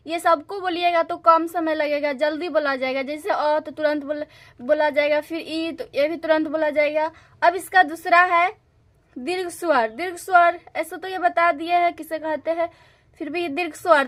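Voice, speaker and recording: A woman teaching a grammar lesson, explaining slowly and repeating each definition. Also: very high voice. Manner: slow, repetitive explaining, restating definitions.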